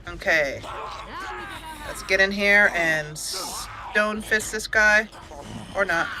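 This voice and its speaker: Here the same kind of casual gameplay commentary comes through poor audio: a woman of medium pitch talks slowly while playing, joking at her own expense and frequently giggling. Game music plays faintly behind her.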